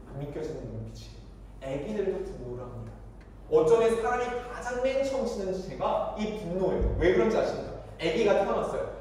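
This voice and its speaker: A young man preaching to a church youth group, lively and questioning, acting out quoted voices. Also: high-pitched, slight background noise. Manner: animated, acts out quoted voices, asks the congregation questions. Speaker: youth pastor. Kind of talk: sermon. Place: church hall. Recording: echoey church hall, mic from far off.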